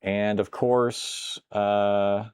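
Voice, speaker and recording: A man's voice: lowish voice, level tone, drawn-out words, darkish tone, smooth, no echo. An older man casually commenting while playing a retro computer game on a live stream, chatting with viewers and exclaiming at close calls.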